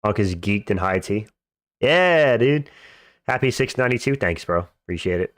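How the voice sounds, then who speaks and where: Lowish-voiced frat-bro streamer guy. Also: fast, a bit bright, no room sound, studio quality. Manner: frat-bro talk, slangy, peppered with bro and dude. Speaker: livestream host. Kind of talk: casual livestream chat, reading out and answering viewer comments.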